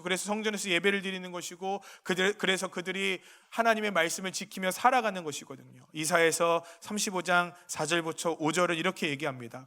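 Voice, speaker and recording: A male pastor preaching a sermon in a church, rising to loud emphatic peaks and dropping to quiet confiding asides, with many questions put to the congregation. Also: a little high. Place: church sanctuary.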